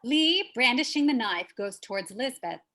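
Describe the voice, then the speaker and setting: A woman's voice: fairly high pitch, animated, normal speed, background noise. A woman reading out stage directions for an audio drama, matter-of-fact with wry asides. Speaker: narrator.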